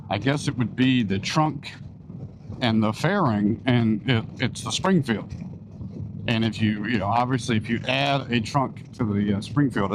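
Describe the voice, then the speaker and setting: A man chatting casually as a motorcycle vlogger while riding, his voice enclosed inside a helmet. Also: mid-range voice. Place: outdoors, riding a motorcycle on country back roads. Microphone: microphone inside a helmet. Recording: wind and engine noise, helmet mic.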